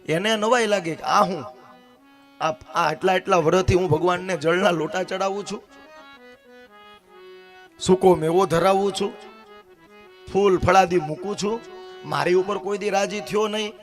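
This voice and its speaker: A man tells a devotional story as a sermon. He acts out the dialogue with drama and turns to speak straight to his listeners. Soft instrumental music plays faintly behind him. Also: high-pitched, moderate pace, pauses often. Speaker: katha storyteller.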